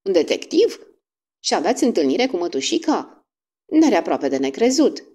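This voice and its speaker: A woman voicing a poised, educated lady of the house who speaks with a crisp, authoritative tone. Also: fairly low pitch, very animated, dark tone. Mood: cool.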